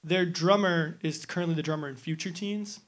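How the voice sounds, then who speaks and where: A man's voice: a little high, a little fast. A nineteen-year-old man in a band, answering interview questions in an easygoing, rambling way. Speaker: band member, interview guest.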